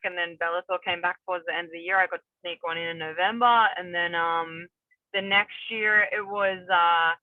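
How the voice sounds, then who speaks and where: A woman's voice: on the low side, fairly even intonation, moderate pace, no room sound. A young woman from New Zealand, an MMA fighter, chatting casually as an interview guest, rambling with many fillers and restarts. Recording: tinny phone-like remote call, dry.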